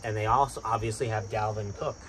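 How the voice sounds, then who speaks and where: A man with a Boston accent, co-hosting a casual sports chat and getting excitable about his picks. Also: quick pace, a little hiss or hum. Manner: excitable, bursts up in pitch when hyped. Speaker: sports podcast co-host.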